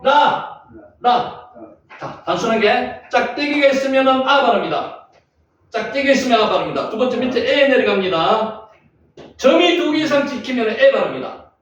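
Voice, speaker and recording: A man with a very high voice leads a Bible class, drilling his students and repeating each point. He is recorded from a distance in a very echoey room, and the sound is dull and lo-fi with faint noise. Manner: repetitive, drilling students with questions. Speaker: Bible teacher. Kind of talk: classroom lecture.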